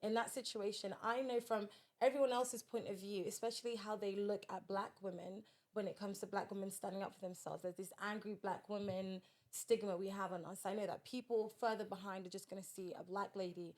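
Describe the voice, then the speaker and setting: A woman's voice: medium pitch, fairly even intonation, brisk, hardly any pauses. A woman, a podcast guest, telling a personal story in a direct, earnest way in casual conversation.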